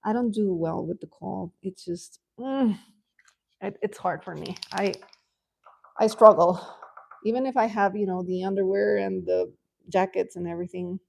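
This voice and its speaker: Chatty woman with a gravelly voice. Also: medium pitch, normal speed, darkish tone. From Ecuador. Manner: chatty and rambling, often laughing, answering viewer comments. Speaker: livestream host. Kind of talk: casual chat while coloring.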